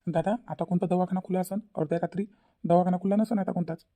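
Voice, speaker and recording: Cartoon son: young, worried, reassuring, mellow and fast-talking, a voice actor doing him. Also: medium pitch, steady tone, natural voice.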